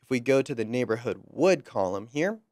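A young man presenting a screen-recorded software walkthrough, friendly and upbeat with light jokes, on a close mic. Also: mid-range voice, expressive, moderate pace, no room sound.

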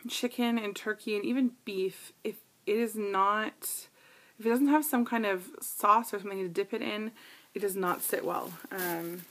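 A Canadian woman in her thirties, a vlogger with a mid-range, sharp-toned voice, chats casually through a grocery haul video, dropping frequent ums and little asides. She records indoors in a living room with a couch, using her tablet camera's built-in mic.

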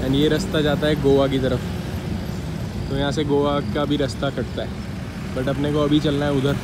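A young man casually narrating a road trip vlog from his car, chatty and relaxed, mixing English words into his talk. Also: a little high. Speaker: vlogger. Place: car on a highway and roadside outdoors. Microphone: handheld phone camera. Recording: loud road and car noise.

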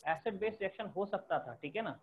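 A man's voice: high voice, expressive, fairly quick, a crowd in the background. A male chemistry teacher lecturing a class, explaining step by step and repeating key terms for students to write down. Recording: tinny phone-like lo-fi recording.

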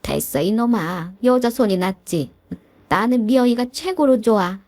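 A woman's voice: on the high side, lively intonation, normal speed, a little mellow, no room sound. A woman voicing a pushy, self-pitying older mother-in-law in a storybook drama, wheedling and guilt-tripping. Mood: pleading, pushy.

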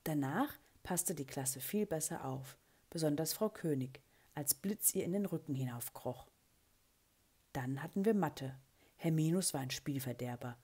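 A woman with a low, breathy voice reads a children's storybook aloud. Her tone is soft and husky, and she lifts the characters' lines with a lively, expressive delivery. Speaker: children's book reader.

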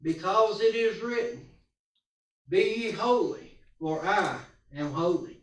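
A man preaching into a pulpit microphone, his voice set a little high and unhurried. He reads scripture in a slow, deliberate way and trips over a word now and then. The sound is roomy and heard from some distance across the church. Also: expressive. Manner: slow, deliberate reading with small stumbles. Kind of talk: sermon with scripture reading. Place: church sanctuary.

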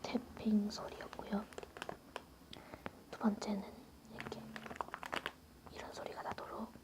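Female ASMR host, whispered delivery, soft and unhurried. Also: medium pitch, monotone, poor audio.

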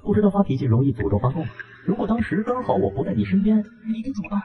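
A man's voice: high-pitched, very animated, very fast, far from the mic, phone-quality sound. A man voicing a worldly male companion who teases and lectures his hot-tempered friend in a comic recap. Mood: teasing. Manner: teasing, lecturing.

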